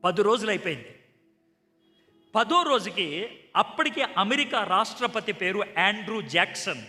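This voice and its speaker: High bright-voiced male preacher. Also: moderate pace. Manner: animated, acts out dialogue in a conversational tone. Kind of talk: sermon with storytelling. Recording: echoey hall with faint music.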